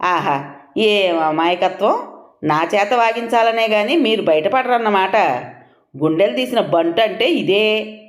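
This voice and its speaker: A quarrelsome middle-aged wife snaps and sneers, her voice leaping high and low with scorn, as a woman narrator puts her on. The storybook reading is heard in an echoey room. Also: expressive, normal speed, close to an everyday voice. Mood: scolding. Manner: sarcastic, scolding.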